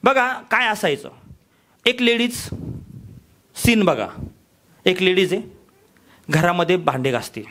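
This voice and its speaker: A man giving a motivational sales training talk, energetic and full of rhetorical questions to his audience. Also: high voice, takes it slowly, long pauses. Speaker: business trainer.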